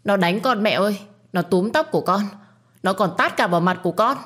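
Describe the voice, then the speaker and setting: A woman voicing a spiteful, bratty young woman in a storybook reading, with a shrill, taunting, whiny delivery. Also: fairly quick, a bit bright, lightly acted. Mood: whining.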